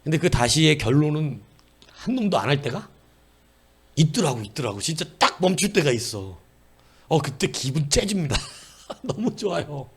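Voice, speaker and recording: A man preaching a sermon in church, telling lively stories with jokes. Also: fairly high pitch, normal speed, slightly rough. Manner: animated, storytelling with jokes and acted voices. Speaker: pastor.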